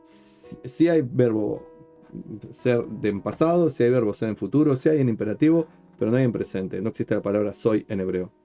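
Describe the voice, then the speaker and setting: A man's voice: lowish voice, animated, moderate pace, dark tone. A man speaking as a rabbi, explaining a point step by step, pointing at written material and often checking understanding with rhetorical questions. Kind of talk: explanatory teaching talk. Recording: dull lo-fi sound with faint guitar music.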